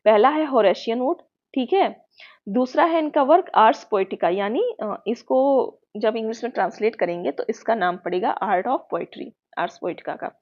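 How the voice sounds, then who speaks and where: An exam-prep teacher with an Indian accent explains things patiently and often checks in with her class. She speaks at a moderate pace in a somewhat high, slightly mellow voice with lively intonation. The audio is muffled and lo-fi.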